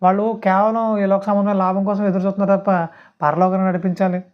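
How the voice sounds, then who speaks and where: A man's voice: high-pitched, little pitch movement, fast talker, clean tone. A man preaching a sermon in an emphatic, repetitive way, asking rhetorical questions. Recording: dull lo-fi recording.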